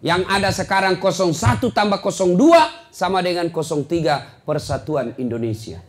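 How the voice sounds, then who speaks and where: A man's voice: sits high, lively intonation, moderate pace. A man preaching a humorous sermon to a congregation, joking and scolding in turn, from Sulawesi. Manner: joking, scolding, mocks boastful people in put-on voices.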